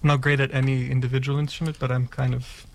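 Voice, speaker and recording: A man's voice: medium pitch, flat delivery, fast talker, creaky. A young man from Greece, a student guest on a college radio show, speaking modestly and hesitantly. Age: young adult. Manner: modest, hesitant, self-deprecating. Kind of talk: casual radio interview.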